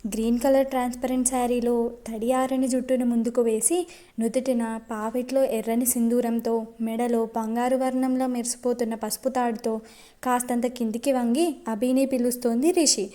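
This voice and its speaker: Brief: woman narrator, high voice, steady audiobook reading of a romance serial. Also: moderate pace. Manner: steady storytelling delivery. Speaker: writer and narrator.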